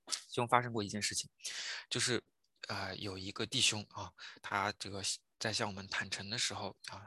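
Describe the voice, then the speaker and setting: A man preaching a sermon in an earnest way, often pausing on filler sounds and repeating phrases as he tells a testimony. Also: on the low side, bright, forceful tone, no room sound. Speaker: pastor.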